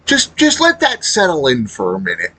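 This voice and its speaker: A man comments casually and without a script as a gaming creator, hesitating mid-thought and complaining bluntly. He pitches on the high side with huge swings, his voice pushed and bright.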